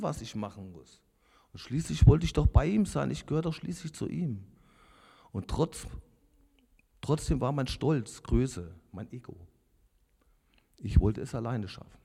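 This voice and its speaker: A man's voice: mid-range voice, vocal fry, warm tone, husky. A man in his fifties giving an earnest, confessional personal testimony to a congregation, speaking directly to his listeners. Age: 50s. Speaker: lay preacher giving testimony. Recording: long hall reverb.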